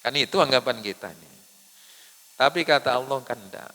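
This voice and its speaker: A man with a Javanese accent preaching a sermon in a mosque, building to loud emphatic lists and then dropping soft. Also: mid-range voice, moderate pace. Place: mosque hall. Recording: echoey hall with faint hiss.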